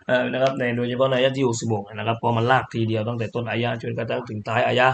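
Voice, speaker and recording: A man teaching Quran reading, explaining each sound slowly and then chanting the syllables louder and higher. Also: flat delivery, vocal fry, slight background noise.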